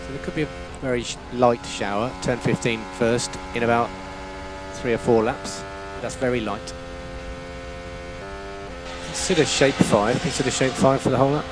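Over a crackly team radio link, a male race engineer at a middle pitch delivers terse, matter-of-fact instructions at an ordinary pace, keeping his tone steady and repeating the key phrases. Background noise can be heard behind him.

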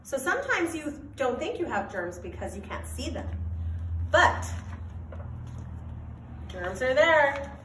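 A woman reads a children's storybook aloud in a sing-song, emphatic way, her voice swooping widely up and down. She speaks slowly and a little high. The sound is roomy and distant, as if caught from across a room. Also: sing-song, a bit bright, slight background noise. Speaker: teacher reading to children.

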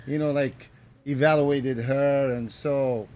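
A man in his forties from Morocco, a running coach, speaking in a halting, filler-heavy way into a handheld mic outdoors on a patio. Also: mid-range voice, fairly even intonation, darkish tone. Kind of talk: casual interview.

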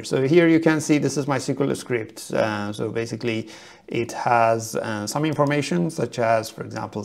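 A middle-aged software trainer with a gravelly, mid-range voice gives a screen-share tutorial from a small room. He works through it methodically, step by step, with frequent fillers.

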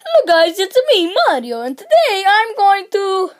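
Goofy shouty plumber guy woman doing the voice, high and all over the place. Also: huge pitch swings, normal speed, heavily acted. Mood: cheerful. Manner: silly, shouting catchphrases. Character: goofy male plumber hero, loud. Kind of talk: comedic amateur role-play.

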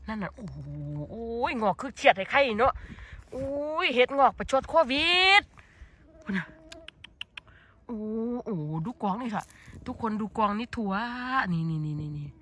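A woman with an Isan accent, vlogging excitedly while foraging outdoors in a forest, full of exclamations. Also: on the high side, normal speed, pauses often, slightly rough. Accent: Isan (Northeast Thai). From Thailand. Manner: exclamatory, excitable, lots of cries of delight. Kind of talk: excited foraging vlog chat.

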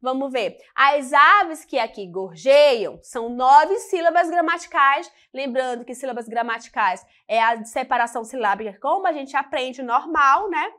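A woman's voice: high-pitched, animated, moderate pace, hardly any pauses, bright, forceful tone. A woman teacher with a Brazilian accent giving a classroom lesson, patiently counting things out and checking in with her students through frequent tag questions.

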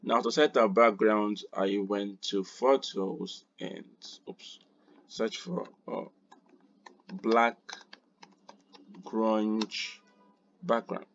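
A man hosting a screen-recorded design tutorial, unhurried and thinking aloud with quiet muttered asides. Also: lowish voice, steady tone, dull audio, slight background noise.

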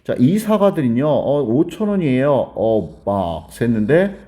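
Lively, mellow-voiced male grammar teacher. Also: a little slow. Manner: explains step by step, keeps asking "got it?"; acts out a student's question in a higher voice. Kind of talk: recorded grammar lesson.

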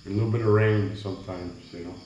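A middle-aged male vlogger rambles easygoingly to viewers while making coffee in a small, bare kitchen with cement walls, a casual cooking vlog chat. His deep, darkish voice is fast with fairly even intonation and cut-off highs. The room is echoey, with faint background noise and crickets chirping at night.

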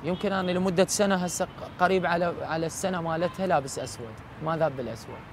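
Iraqi male cleric as interview guest, quick but halting, high-set voice, clear traffic noise behind. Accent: Iraqi Arabic. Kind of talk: reflective interview talk. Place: outdoors at night in a city park.

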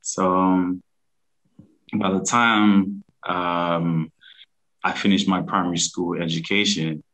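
A man in his thirties from Zimbabwe, a business founder telling his story over a video call in a halting, restarting way. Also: low-pitched, fairly even intonation, a bit bright, low-quality recording. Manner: halting, many restarts and fillers. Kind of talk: casual interview storytelling. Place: room at home, indoors.

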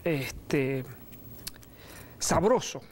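A middle-aged man presenting a recipe on a studio kitchen set, relaxed and pausing often with fillers. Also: fairly high pitch, a little hiss or hum. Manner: relaxed, hesitant with many fillers. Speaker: cooking show host. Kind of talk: cooking demonstration.

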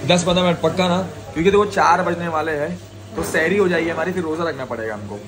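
A man's voice: fairly high pitch, quick pace, a crowd in the background. A young man chatting casually to his viewers while vlogging late at night, coaxing and talkative. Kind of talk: casual vlog chat. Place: late-night village stay, partly in dim indoor areas. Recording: noisy crowded background.

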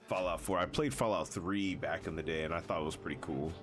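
A man with a deep voice chats casually on a game live stream. Game music plays clearly behind him. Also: fairly quick, fairly bright tone. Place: indoor room at a gaming desk.

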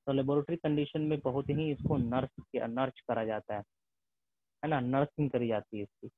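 A man's voice: mid-range voice, steady tone, moderate pace, no echo. A male teacher giving a classroom lecture, mixing English terms into his speech and checking in with tag questions. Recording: tinny phone-like sound.

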